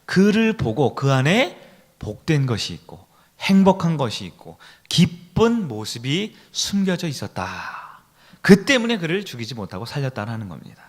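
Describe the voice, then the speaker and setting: A middle-aged male pastor preaches in a church sanctuary, his voice on the high side, very animated, at normal speed. He keeps putting questions to the congregation and leads them in call-and-response.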